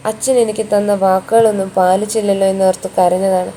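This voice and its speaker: A woman reading the part of a quiet, hurt young wife who speaks softly. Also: medium pitch, level tone, fast, a little hiss or hum, close to an everyday voice. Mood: sad.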